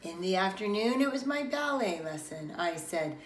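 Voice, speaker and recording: A middle-aged preschool teacher reading a children's picture book aloud, unhurried and expressive. Her voice sits at an ordinary pitch for a woman. The sound is roomy and a little distant, with faint ambience behind. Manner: slow, expressive storytelling. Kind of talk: children's storybook read-aloud.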